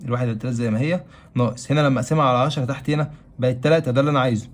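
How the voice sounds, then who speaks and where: A man's voice: medium pitch, steady tone, very fast. A man with an Egyptian Arabic accent teaching a math lesson, who keeps asking questions aloud and answering them himself. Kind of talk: classroom-style math lesson.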